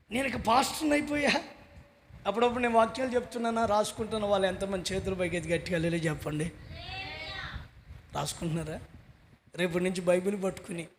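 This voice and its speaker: A male pastor preaching a sermon with a Telugu accent, often raising his voice to a shout and then dropping back down. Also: sits high, a little hiss or hum. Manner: preaches loudly, swinging into shouted lines. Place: church stage.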